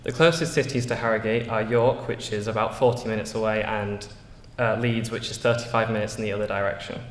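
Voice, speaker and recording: In an echoey hall with long reverb and slight background noise, a teenage English boy with a Yorkshire accent reads out an earnest prepared speech for school. His male voice is on the low side, steady and fairly quick, with the odd slip and filler.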